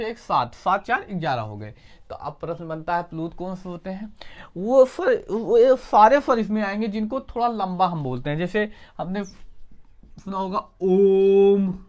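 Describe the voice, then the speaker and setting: A male teacher giving an exam coaching lesson, asking questions and answering them himself and correcting his own slips. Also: high-pitched.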